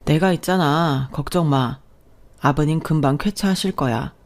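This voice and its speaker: A woman reading the lines of a kind, meek young husband who speaks softly and apologetically. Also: low-pitched, normal speed. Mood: gentle.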